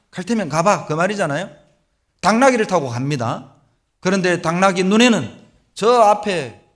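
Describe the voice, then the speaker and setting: A middle-aged male pastor preaching a sermon in a church, telling Bible stories with animated delivery. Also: fairly high pitch. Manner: animated storytelling, acts out biblical voices. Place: church sanctuary.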